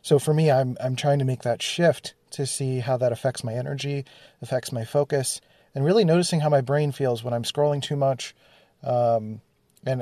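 A man's voice: medium pitch, warm tone, dry recording. Man talking into a phone recorder. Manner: casual, thinking aloud with many fillers and restarts. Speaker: podcast host. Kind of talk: solo podcast monologue. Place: his home studio.

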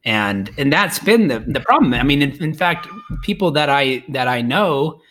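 A man's voice: mid-range voice, big pitch swings, normal speed, a bit bright. A man co-hosting a podcast, talking through politics casually and rambling with frequent restarts. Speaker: podcast co-host.

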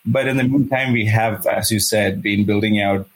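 A man speaking as a company executive, answering interview questions in a measured way with fillers. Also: fairly low pitch, fairly even intonation, slightly rough, poor audio.

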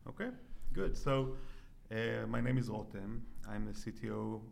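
Gravelly low-voiced man, convention interview. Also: steady tone, measured pace, slight background noise. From Israel. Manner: explains methodically with frequent restarts. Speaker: guest, startup CTO. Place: convention hall.

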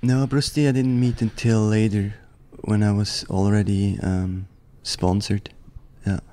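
In a casual interview, a guest who snowboards professionally, a man in his thirties from Switzerland's German-speaking area, speaks at a measured pace in a fairly low voice. He is relaxed and rambling, often restarting and leaning on "like."

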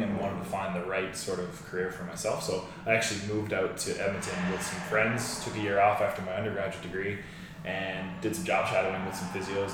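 A man, talking conversationally as an interview guest. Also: low-pitched. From Newfoundland, Canada. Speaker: guest, physiotherapist. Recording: echoey, distant mic, noisy room.

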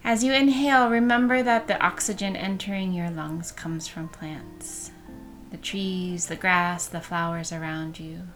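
A woman leading a guided meditation in a soft, soothing manner, with breath showing at the ends of phrases. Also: fairly low pitch, steady tone, unhurried, soft background music.

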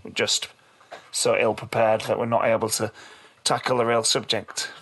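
A man's voice: on the low side, level tone, moderate pace, a bit bright, husky. A man with a British accent co-hosting a podcast in casual chat, rambling and self-deprecating, with plenty of swearing. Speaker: podcast co-host.

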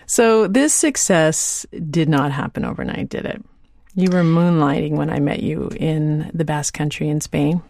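Podcast host, young woman, friendly and easygoing, low voice, dry. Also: moderate pace, vocal fry, darkish tone, dry recording. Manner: friendly, laughs easily. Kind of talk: conversational interview.

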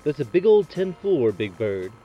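A man doing a deadpan comedy bit as a trucker talking over a CB radio, full of radio lingo. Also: on the high side, moderate pace, muffled recording, soft background music.

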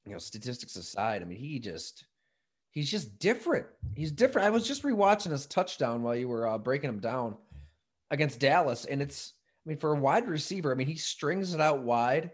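A man giving relaxed sports commentary in a conversational way, thinking aloud and often breaking off mid-sentence. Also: mid-range voice, fairly quick, breathy edge. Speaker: football commentator on a sports talk show.

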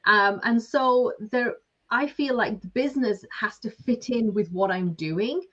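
A chatty Lancashire woman in her forties, a business coach, answers a casual interview with lots of fillers. Her voice is a little high with a fairly bright tone, and she keeps a measured pace. The lo-fi audio is slightly dull.

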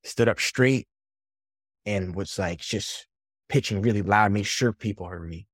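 Low-pitched man as a podcast guest, sales coach, animated storyteller with casual swearing, dry close sound. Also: measured pace, no room sound.

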